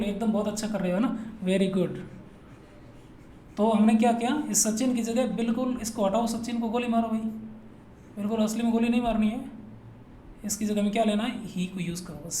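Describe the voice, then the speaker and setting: A man's voice: high-pitched, warm tone. A male teacher from Rajasthan, India, giving a grammar lesson. He playfully asks questions and answers them himself, repeating each point many times. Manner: drills students, asks and answers his own questions; playful, repetitive. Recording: echoey room with faint noise.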